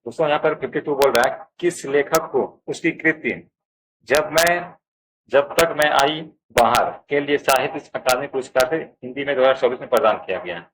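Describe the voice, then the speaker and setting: A man's voice: medium pitch, moderate pace, background noise. A man with a Bihari Hindi accent teaching an exam answer key, calling his viewers friends and explaining each option in turn. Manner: addresses viewers as friends, steady explanatory pace. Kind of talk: answer key walkthrough lesson.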